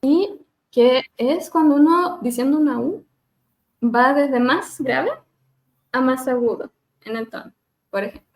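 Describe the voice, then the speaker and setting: A woman speech therapist leading a webinar on voice care, gently demonstrating hums and glides over a video call and laughing at herself now and then. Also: high voice, unhurried, long pauses. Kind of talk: live webinar lesson on vocal exercises.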